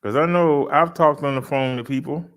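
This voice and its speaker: A man in his fifties airs grievances in an informal vlog rant, arguing his case and repeating himself. He talks at normal speed in a somewhat high, slightly bright voice.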